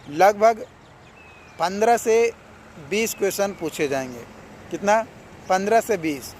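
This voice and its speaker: High-voiced male exam coach. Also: a little hiss or hum. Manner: repeats key points, coaxing "yaar" and "theek hai". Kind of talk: casual exam advice lesson.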